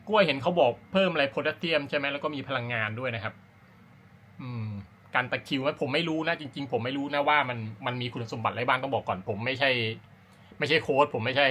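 Male vlogger, medium pitch, sharp bright voice, informal and rambling amateur-runner chat. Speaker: amateur runner hosting a running vlog. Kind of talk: casual talk to camera about personal routine.

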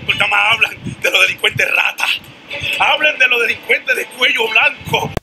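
A man's voice: very high-pitched, moderate pace, loud music behind the voice, pitched above the performer's own voice, low-quality recording. A man playing an angry man ranting indignantly about crime on television, in a clip played from a show.

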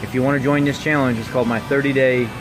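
A man in his thirties, a gym vlogger, chats casually and candidly to camera with a self-critical, motivational tone, filming on a phone held at arm's length in a large indoor gym with loud music playing. His voice is medium-pitched with fairly even intonation, he talks fast, and the audio quality is poor.

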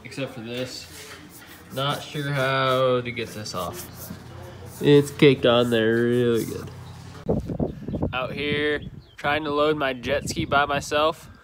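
A young man talks in a relaxed, rambling vlog voice, filming himself on a phone held at arm's length. His pitch sits in an ordinary middle range. A faint hum of outdoor noise sits under his voice. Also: slow pace, long pauses. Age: young adult. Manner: laid-back, rambling, easygoing. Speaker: vlogger. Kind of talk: casual vlog narration. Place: outdoors and at home, handheld. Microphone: phone camera at arm's length.

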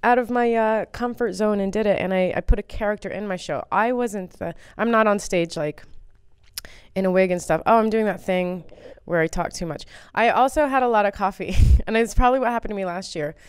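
A woman's voice: mid-range voice, brisk, clear, resonant tone, no echo, clean studio sound. An American woman comedian chatting casually as an interview guest, rambling and self-deprecating with plenty of fillers. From United States.

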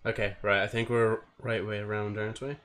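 A man's voice: fairly low pitch, flat delivery, fairly quick, a bit bright. A man chatting casually as a livestreamer, rambling and swearing as he goes. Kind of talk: casual chat to a livestream audience. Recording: noticeable background noise.

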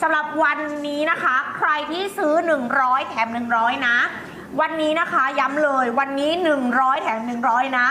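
Woman, high-pitched, live-stream seller, persuasive, polite, echoey room with faint noise. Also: fairly quick, bright, forceful tone. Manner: polite, persuasive, talks directly to viewers. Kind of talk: live online sales pitch, chatty.

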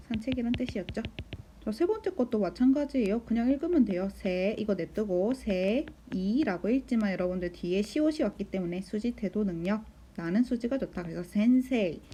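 A woman teacher giving a recorded lesson, patiently asking the class questions, answering them herself and counting beats aloud slowly. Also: mid-range voice, mellow, a little hiss or hum. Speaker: Japanese teacher. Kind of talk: recorded school lesson explanation.

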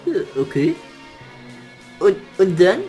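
A man's voice: sits high, wildly swooping pitch, slow, warm tone, soft background music, exaggerated voice. A man voicing a sassy, whiny raven servant in a puppet theater play, who back-talks and complains. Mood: skeptical. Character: cheeky, grumbling raven servant.

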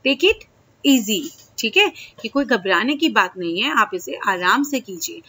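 Woman teacher, bright voice, slightly high, slow example phrases, frequent check-ins. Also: expressive, slightly rough. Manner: explains Hindi phrases in English, checks with frequent "ठीक है?"; slow, drawn-out example sentences. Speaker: school English teacher. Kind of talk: classroom-style lesson to children.

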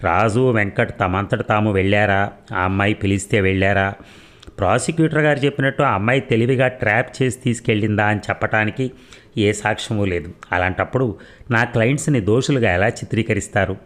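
A man's voice: fairly low pitch, brisk, a bit bright, lightly acted. A man voicing a confident defense lawyer in a courtroom story, arguing emphatically.

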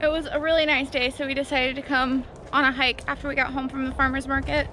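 A woman's voice: sits high, little pitch movement, fast, bright, forceful tone, slight background noise. A young woman vlogging casually while out of breath on a wooded hiking trail, recorded on a handheld camera. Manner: chatty, narrating a hike. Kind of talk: casual vlog chat.

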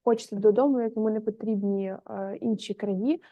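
A woman's voice: mid-range voice, fairly even intonation, a little fast, mellow, soft background music. A young woman student answering in class, hesitant and searching for words.

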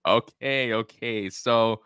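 A young man hosts a casual interview podcast from a small home studio, speaking into a studio mic while wearing headphones. His medium-pitched voice is steady, a bit bright, clear and resonant, and he takes his time, with no room sound. His manner is encouraging and chatty, with plenty of repetition.

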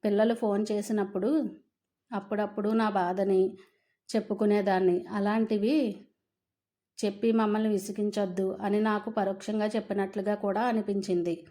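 A woman's voice: medium pitch, level tone, normal speed, dark tone. Subdued woman narrating a sad story. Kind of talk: first-person story narration.

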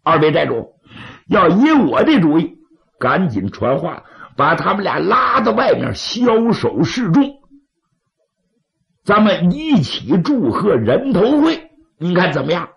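A storyteller doing a gravelly, scheming bandit lieutenant. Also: male voice, sits high, very animated, a little slow, voice pushed up, exaggerated voice. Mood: scheming, urging. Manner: persuasive, emphatic, dramatic storyteller's character voice. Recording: slightly dull, lo-fi audio.

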